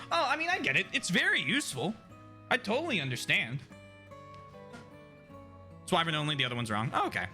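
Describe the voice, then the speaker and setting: Bright, lively man streaming a game. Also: fairly high pitch. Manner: chatty, laughs often, reads chat aloud. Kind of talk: casual live-stream chat while gaming.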